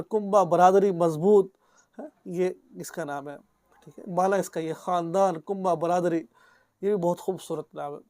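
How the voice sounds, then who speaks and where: A male Islamic cleric teaching a lesson, repeating each word slowly for its pronunciation and often checking with an "okay?". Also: high-pitched, no room sound, clean studio sound. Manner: gently advising, earnest. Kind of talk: religious teaching video.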